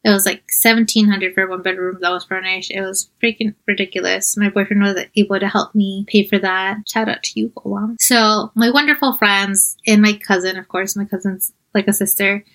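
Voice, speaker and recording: A young woman from New York tells a personal story in a relaxed, chatty way. She keeps slipping into quoted dialogue and voices the people in it. Her pitch sits in an ordinary middle range. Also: normal speed, hardly any pauses, poor audio. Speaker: podcast host and mental health coach. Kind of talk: casual storytelling monologue.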